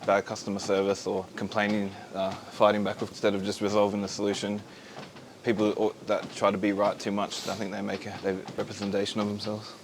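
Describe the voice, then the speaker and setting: This man speaks at a fast clip in a casual interview while on a treadmill. His voice sits a little low, with faint ambient noise behind it. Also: monotone. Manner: talking while exercising on a treadmill. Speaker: company founder.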